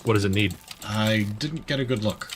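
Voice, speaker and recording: A man's voice: fairly low pitch, moderate pace, slight background noise. A man giving casual, reactive gameplay commentary, muttering to himself and swearing as he plays. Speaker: video game player.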